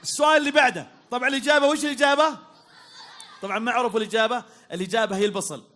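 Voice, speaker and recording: Saudi guy hosting a crowd quiz, really bright sharp voice, upbeat and teasing. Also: extremely high pitch, steady tone, racing. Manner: upbeat, teasing, repeats praise and calls to the crowd. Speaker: quiz host at a public event.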